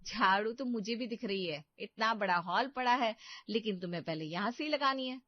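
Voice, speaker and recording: A woman's voice: mid-range voice, normal speed, no room sound, lo-fi sound, lightly acted. A woman voicing a melodramatic, self-pitying young daughter-in-law who whines and accuses in theatrical wails. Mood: suspicious. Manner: whiny, accusing, theatrical wailing. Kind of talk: animated story voice acting.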